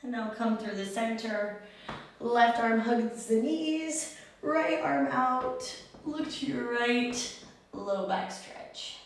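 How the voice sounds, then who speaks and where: A woman teaching a yoga class, giving step-by-step pose instructions in a calm, soothing, encouraging way. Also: on the high side, takes it slowly. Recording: very echoey room, far mic, faint noise.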